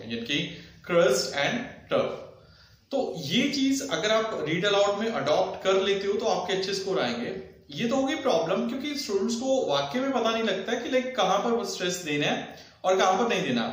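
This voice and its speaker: A male tutor explains exam techniques in an instructive way, often repeating his points. His voice sits a little high and sounds heavily echoey, as if picked up from some distance in a bare room. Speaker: exam prep teacher. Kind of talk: explanatory lesson, mixing Hindi with English phrases.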